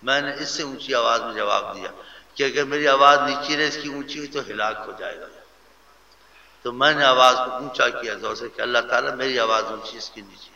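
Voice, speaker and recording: A man preaching a sermon in an earnest way, swinging between loud and hushed delivery, with a gravelly voice. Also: medium pitch. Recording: echoey hall, dull lo-fi sound.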